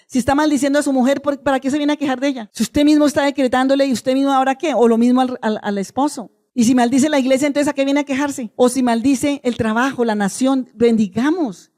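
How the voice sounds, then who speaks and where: A middle-aged woman pastor, preaching an animated sermon and acting out the people in her stories. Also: high-pitched, fast talker.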